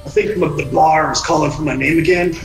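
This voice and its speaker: A man voicing an easygoing male bartender with an Arkansas accent, who speaks in a high, stammering drawl over an echoey voice chat. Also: steady tone, brisk, gravelly, over loud music. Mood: friendly.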